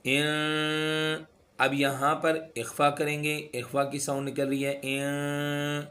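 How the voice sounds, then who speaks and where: A man teaching recitation rules, explaining each rule and then slowly chanting the words with drawn-out sounds to demonstrate. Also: mid-range voice, flat delivery, sharp tone. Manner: instructive, repeats sounds to demonstrate. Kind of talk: tajweed lesson.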